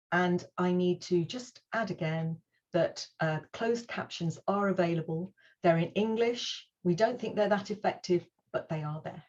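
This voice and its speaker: A woman's voice: lowish voice, darkish tone, dull audio. A woman hosting an online conference over a video call, speaking in an earnest, reassuring way as she opens the day and introduces the first speaker. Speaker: conference host.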